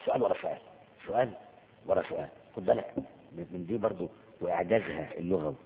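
A man's voice: deep voice, big pitch swings, racing, vocal fry. A man with an Egyptian accent giving a lecture on Quranic rhetoric, asking his listeners rhetorical questions and acting out stories dramatically. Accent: Egyptian Arabic. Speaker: religious teacher. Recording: tinny phone-like sound with long hall reverb.

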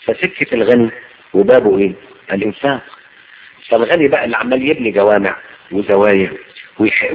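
A man's voice: lowish voice, slight background noise. A man with an Egyptian Arabic accent preaching a sermon, firing rhetorical questions and answering them himself. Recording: muffled lo-fi recording.

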